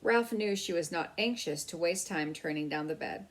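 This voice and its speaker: Reading a children's book aloud, this woman tells the story expressively. Her voice sits on the low side, and she moves at a moderate pace.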